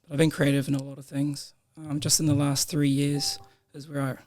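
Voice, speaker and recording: A young New Zealand man with a fairly high, brisk voice is a guest on a casual podcast chat. Relaxed and slangy, he tells stories and laughs often in the podcast room.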